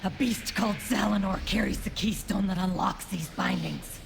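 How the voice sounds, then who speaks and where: A woman voicing a bitter, vengeful captive warrior in a video game, gravelly, scornful and defiant. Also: medium pitch, normal speed, background noise. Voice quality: gravelly, creaky. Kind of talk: video game character acting.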